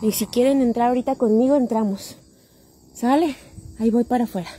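A woman's voice: on the high side, brisk, dark tone, breathy edge. A woman with a Mexican accent livestreaming a ghost hunt outdoors at a cemetery on her phone, exclaiming and repeating words to her viewers. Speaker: paranormal livestreamer. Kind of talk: live-streamed ghost hunt.

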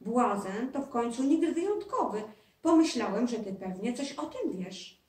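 A woman's voice: on the high side, sing-song, a little slow, darkish tone. A woman reading a children's story aloud, voicing a curious, eager schoolboy in an inquisitive manner, recorded in a roomy space from a distance.

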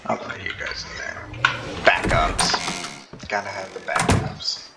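A tired man rambles through casual gameplay commentary in a deep, gravelly voice. He talks slowly, filling gaps with ums and yawns. There is a steady hiss of noise behind him. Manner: laid-back, rambling with many ums. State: tired and yawning. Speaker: gaming YouTuber.

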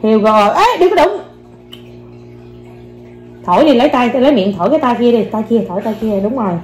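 Young mom, casual vlog; coaxes her kids with quick repeated commands, higher voice. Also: darkish tone, soft background music. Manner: coaxing, playful, repeats short commands to children. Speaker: mother filming her young children. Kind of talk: casual family vlog, talking to viewers.

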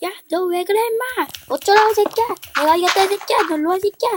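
A woman's voice: very high voice, a little fast, background noise, pitched above the performer's own voice. A woman voicing a boastful, rude friend who hurls cursing taunts in a game. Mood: taunting.

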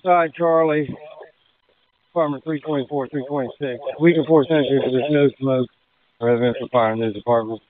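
A man's voice: medium pitch, steady tone, normal speed, a crowd in the background. A male firefighter giving terse status reports over a two-way radio. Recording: noisy tinny radio with clicks.

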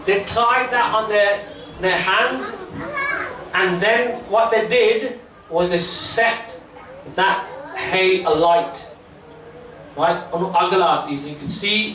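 High-pitched male teacher, distant and echoey. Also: slow, crowd noise. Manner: explanatory, checks in often with "right?" and "okay?". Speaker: children's religious camp teacher. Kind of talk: storytelling lesson to children. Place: small indoor classroom full of seated children. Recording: distant, echoey room, faint background noise.

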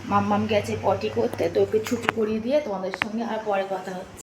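A young woman chatting directly to viewers in a casual home vlog, now and then scolding the kids loudly. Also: medium pitch, fairly even intonation, quick pace, background noise. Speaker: family vlogger. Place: family home and kitchen.

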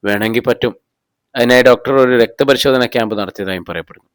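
A man's voice: mid-range voice, fast talker, clear, resonant tone, no echo, natural voice. A man reading the lines of a persistent police officer interrogating a suspect with pointed questions. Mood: pressing. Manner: probing, pressing questions.

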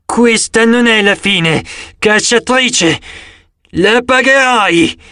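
A man voicing a shrill, snarling manticore monster. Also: sharp tone, clean tone, no room sound, studio quality, full character voice. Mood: menacing. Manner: shrill, drawn-out threats. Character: snarling male manticore monster, vicious and spiteful. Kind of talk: audiobook character voice.

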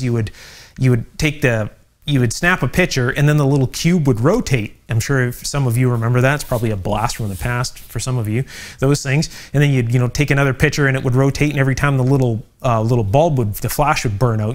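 A middle-aged man hosting an electronics channel, thinking aloud with many fillers as he demonstrates an old device in a home workshop. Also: mid-range voice. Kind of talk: casual workbench demonstration.

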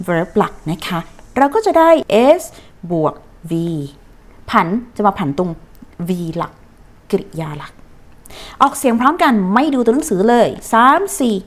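A woman English teacher giving a lesson, her voice swinging through a wide, animated pitch range. She counts her students in and drills sentences, stretching the English phrases out slowly so they can repeat.

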